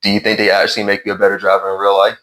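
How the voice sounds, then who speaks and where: Low-voiced man hosting a casual chat. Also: completely flat delivery, racing, fairly bright tone. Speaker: podcast host. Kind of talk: casual chat, asking and teasing.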